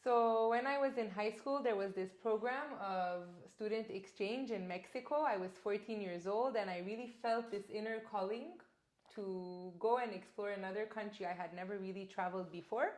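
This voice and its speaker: A woman's voice: mid-range voice, normal speed, darkish tone. A young woman from Canada, a guest in an interview, talking in an earnest, reflective way about her travels. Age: young adult. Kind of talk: casual interview conversation. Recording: roomy echo.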